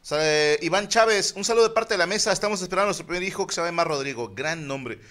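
A man's voice: sits high, fast talker, fairly bright tone. A man with a Mexican Spanish accent, co-hosting a podcast, telling a profane, laughing story in casual chat among friends. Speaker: podcast co-host.

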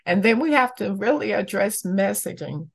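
A woman from Georgia answering interview questions conversationally, in a measured, deliberate way. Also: medium pitch, animated, vocal fry, breathy edge. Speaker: interviewee, community campaigner.

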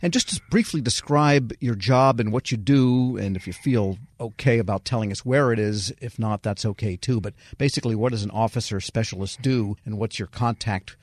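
A man hosting a broadcast interview, asking measured, clarifying questions. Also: on the low side, no room sound, studio quality. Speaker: radio host, interviewer.

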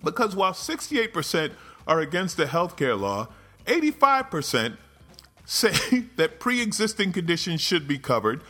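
A man hosting a political talk show, ranting with sarcasm and exasperation, his voice jumping up in loud outbursts. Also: fairly high pitch, wildly swooping pitch, normal speed, soft background music. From United States.

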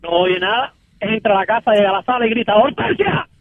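Guy calling in to tell a joke, fast talker, tinny phone line. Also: high voice, no echo. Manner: lively storyteller shouting the punchline names. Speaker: caller. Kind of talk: joke telling on a call-in show.

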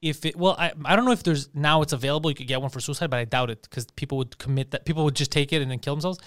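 A man in his thirties, chatting casually on a podcast, profane and animated. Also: fairly high pitch, racing, no room sound, studio quality. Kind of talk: casual chat.

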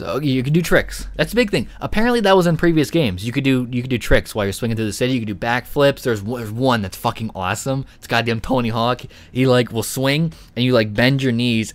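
A young man hosting a solo live podcast, rambling excitedly with lots of fillers and frequent swearing. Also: fairly low pitch. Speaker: podcast host.

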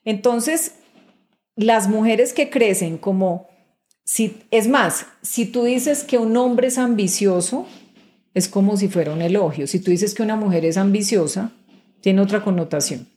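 A woman's voice: medium pitch, a little slow, dark tone. A middle-aged woman, a guest executive explaining her views in a conversational interview and often checking in with the listener.

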